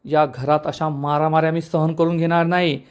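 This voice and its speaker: A commanding household patriarch, voiced by a man narrating. He barks orders loudly. His voice drops a touch lower than the narration. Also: flat delivery, moderate pace, clear, resonant tone, close to an everyday voice. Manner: loud, commanding. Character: commanding older father, head of household.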